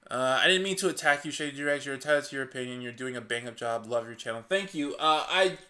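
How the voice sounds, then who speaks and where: Reverberation fills the hot indoor room where this channel host offers casual commentary, reasoning aloud with passion. He restarts often and notes that he's keeping his naturally loud voice low on purpose.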